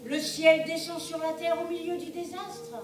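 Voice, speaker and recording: Echoing from afar in a theatre, a solemn female angel. She declaims grandly like an incantation, in a very high, commanding voice. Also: flat delivery, moderate pace. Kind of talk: incantatory stage acting. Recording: distant mic in echoey theatre.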